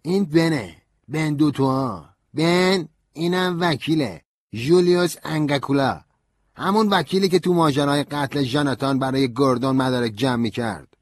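A man playing a cheerful, crude, energetic young man in an audiobook, brash and slangy in his delivery. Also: on the high side, no room sound, studio quality, natural voice. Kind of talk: audiobook character reading.

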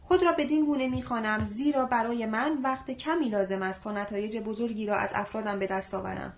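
Calm, assured older male manager, read by a woman with a fairly high voice; dull lo-fi audiobook sound. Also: slight background noise, natural voice. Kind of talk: audiobook reading. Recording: dull lo-fi recording.

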